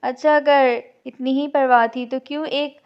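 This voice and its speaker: A taunting young man, contemptuous and cutting, read by a woman storyteller. The voice sits high and a little dull in tone. It is a lo-fi audio storybook recording. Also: steady tone, unhurried, clean tone. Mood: scornful. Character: cruel, mocking young man.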